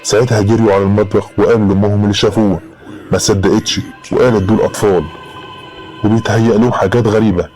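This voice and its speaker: Man, Egyptian Arabic accent, horror story narrator, low voice, flat steady delivery. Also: rapid-fire, soft background music. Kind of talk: dramatic first-person storytelling.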